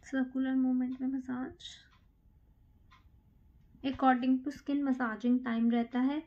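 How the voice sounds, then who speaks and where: Woman beautician talking thru a facial massage real slow, counting strokes, muffled lo-fi sound. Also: sits high. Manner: calm, counts strokes aloud while working. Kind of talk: step-by-step facial massage instruction. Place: salon treatment room.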